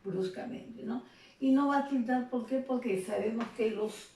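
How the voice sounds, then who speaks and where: A woman's voice: fairly high pitch, normal speed, dark tone, distant mic. A woman gives a lesson as a teacher. She explains step by step and often checks in with tag questions. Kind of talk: recorded classroom lesson. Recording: echoey room, voice off-mic, faint noise.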